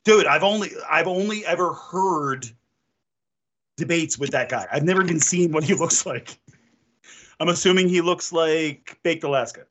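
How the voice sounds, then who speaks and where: A man's voice: on the high side, moderate pace, a bit bright, lo-fi sound. A man chatting casually on a group call, joking and laughing often, from the American North. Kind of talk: casual chat.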